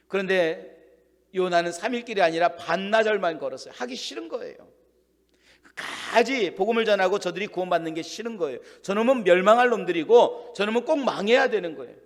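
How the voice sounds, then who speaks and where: Male pastor preaching, high voice, acts out the quotes big, long echo from the church hall. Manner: dramatic, acts out quoted voices with big swings in pitch and loudness. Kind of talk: sermon. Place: church sanctuary.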